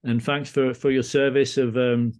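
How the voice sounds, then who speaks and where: A man's voice: medium pitch, level tone, darkish tone. A Lancashire man speaking as a guest on a podcast. His voice sits in a middle register, and he talks casually, stumbling and restarting as he goes. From Lancashire, England. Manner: halting, many restarts and fillers. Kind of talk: casual conversation. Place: farm community temple in Scotland.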